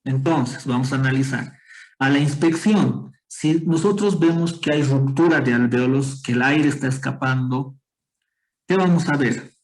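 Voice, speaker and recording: In a rough recording, a medical lecturer teaches an online class, walking through material step by step and putting questions to students. His mid-range voice moves at a measured pace. He is explanatory, quizzes his students and leans on frequent tag questions.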